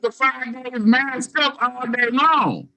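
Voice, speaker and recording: A man's voice: extremely high pitch, slow, vocal fry, pushed and bright. A man on a remote call with a bad connection, his voice cutting in and out as he repeats words and talks over the others in a heated debate. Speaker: sports talk panelist.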